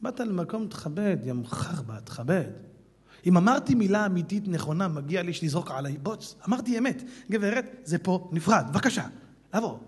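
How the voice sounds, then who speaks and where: A man, a rabbi, preaching a fiery sermon to a hall audience, swinging from low mutters to shouting and mixing Talmudic Aramaic with street slang. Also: animated, breathy edge. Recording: long hall reverb.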